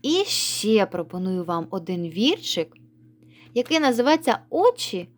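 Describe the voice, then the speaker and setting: A woman's voice: mid-range voice, sing-song, unhurried. A woman teaching young children a reading lesson, coaxing and sing-song, calling them pet names. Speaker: primary school teacher.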